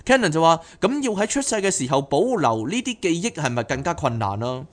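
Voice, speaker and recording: A man reads a book aloud as podcast host and breaks off into animated, chatty asides. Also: a little high, brisk. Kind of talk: reading a book aloud with commentary.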